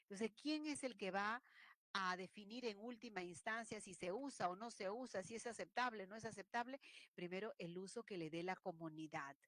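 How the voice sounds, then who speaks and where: A woman's voice: mid-range voice, moderate pace, a bit bright, no echo. A woman teaching an online language lesson, explaining points and acting out regional ways of speaking. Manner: explanatory, acts out regional speech examples.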